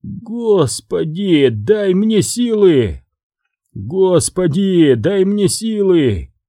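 Man doing an enraged crime boss, audiobook, raised pitch, loud, scolding, clipped words, dark tone. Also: big pitch swings, measured pace, no room sound, studio quality, exaggerated voice. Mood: furious. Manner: shouting, scolding, hammering each word. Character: furious middle-aged male crime boss.

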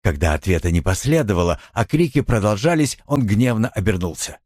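Expressive male audiobook narrator. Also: lowish voice, brisk, no room sound, clean studio sound. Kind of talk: scripted narration.

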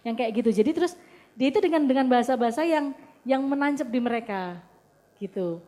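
Woman guest, slightly high voice, anecdotal and firm, echoing hall. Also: fast, mellow. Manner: anecdotal, quotes her children, firm. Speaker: guest speaker, mother. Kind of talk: casual talk to audience. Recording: long hall reverb.

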